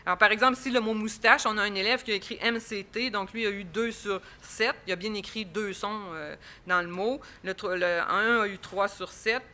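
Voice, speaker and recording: A woman's voice: mid-range voice, normal speed, few pauses, pushed and bright. A woman with a Quebec French accent presenting research at an academic conference, explaining step by step with frequent fillers and restarts.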